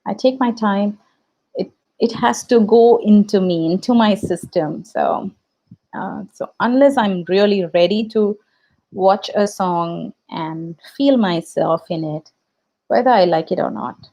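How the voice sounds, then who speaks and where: A woman with an Indian English accent, Tamil her first language, chats reflectively as a YouTube host on a live stream, with fillers and restarts. Her medium-pitched voice is mellow and unhurried, and the recording is rough.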